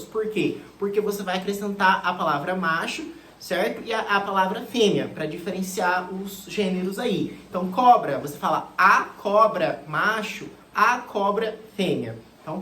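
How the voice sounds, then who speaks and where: A woman's voice: mid-range voice, echoey room, a little hiss or hum. A Brazilian woman teacher giving an exam-prep grammar lesson, repeating key words and asking students questions. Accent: Brazilian Portuguese.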